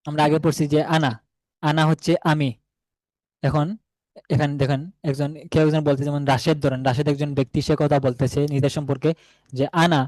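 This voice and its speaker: Slow, drilling male language teacher. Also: a little high, a little mellow, no room sound, poor audio. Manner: slow, repeating word forms for drilling. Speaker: Arabic teacher. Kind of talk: online class lesson.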